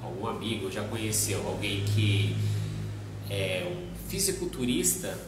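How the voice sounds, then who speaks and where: A man co-hosting a live stream, explaining step by step with everyday examples in a relaxed chat. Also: on the low side, unhurried. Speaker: nutrition live stream co-host. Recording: very echoey room, mic at a distance, background noise.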